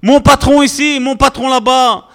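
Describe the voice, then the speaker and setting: A man's voice: extremely high pitch, steady tone, moderate pace, a bit bright, long reverb tail, voice pushed up. A pastor voicing a complaining male churchgoer who moans to God about his aches, his boss and his pay. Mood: whining. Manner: plaintive, complaining. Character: whining male churchgoer listing grievances to God.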